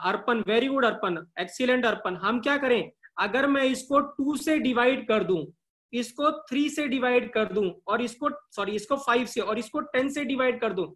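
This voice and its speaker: A man's voice: very high-pitched, fairly bright tone. Teacher who quizzes his class nonstop. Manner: keeps asking questions and answering them himself; drills key terms by repeating them. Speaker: chemistry teacher. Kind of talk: live online class lecture.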